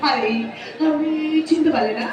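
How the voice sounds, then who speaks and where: A woman acting a devoted young policewoman on a folk-theatre stage, her very high voice declaiming over music and a crowd. The sound is distant and heavily echoey, as from a live open-air stage. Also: normal speed, natural voice. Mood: playful. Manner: declamatory, stage-projected delivery with emotional outbursts. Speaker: stage actor. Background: music and audience.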